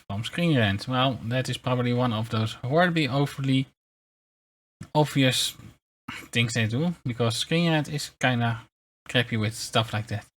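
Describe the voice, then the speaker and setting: A streamer of unclear sex chatting casually in a hesitant, rambling way and reading bits aloud, with a mid-pitched voice. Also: fairly bright tone. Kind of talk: casual livestream chat, reading articles aloud. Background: background music.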